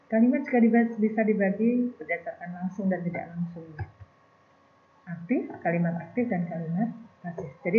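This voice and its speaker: A woman teaching a grammar lesson, explaining step by step and trailing off softly at the ends of phrases. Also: fairly low pitch. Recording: tinny phone-like recording.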